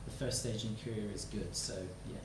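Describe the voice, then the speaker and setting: A panelist in their thirties speaking in a relaxed, self-deprecating way. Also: mid-range voice, quick pace. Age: 30s. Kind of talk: panel discussion. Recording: echoey hall, mic far off, some noise.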